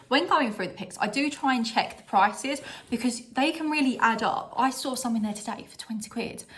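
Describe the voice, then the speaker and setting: A woman's voice: fairly high pitch, a bit bright. A young woman vlogging a holiday decor haul at home, bubbly and chatty, often laughing at herself. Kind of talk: casual home haul vlog. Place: at home, in front of a styled background.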